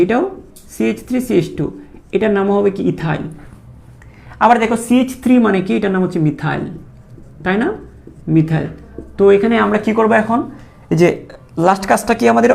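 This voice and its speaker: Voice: medium pitch, creaky. A chemistry teacher, lecturing and repeating each step while asking the students questions. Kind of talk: classroom lecture.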